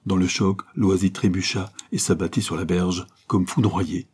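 A man narrating an audiobook in a steady, measured storytelling voice. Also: deep voice, slightly rough.

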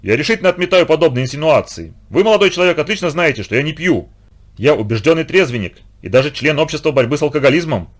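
A man voicing an excitable, pompous middle-aged male musician who shouts in alarm and bristles with indignation. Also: a little high, fast talker. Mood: indignant. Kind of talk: audiobook character voice.

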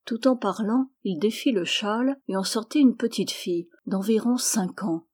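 A woman narrating a classic novel as an audiobook, in a measured, steady storytelling manner. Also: mid-range voice, slightly rough.

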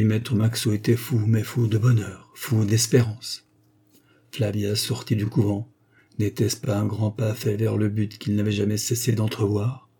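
Man narrating an old novel, dark husky voice, steady and theatrical. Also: on the low side. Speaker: audiobook reader. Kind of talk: scripted narration of a classic novel.

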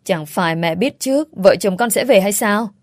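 A woman reading the part of a tired but protective young husband who speaks in a low, measured way. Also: lively intonation, dry recording, clean studio sound, lightly acted. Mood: tense.

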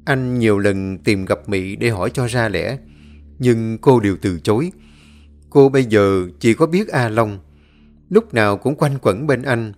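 A man reading a dramatic story aloud as a storyteller, in a measured, dramatic manner. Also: on the low side, darkish tone, soft background music. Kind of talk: scripted story narration.

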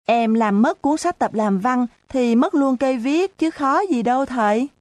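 A woman's voice: fairly high pitch, expressive, measured pace, dry recording, voice pushed up. A woman voicing a cheeky, naive little schoolgirl who is stubborn and loves to argue, in a chirpy, innocent questioning tone.

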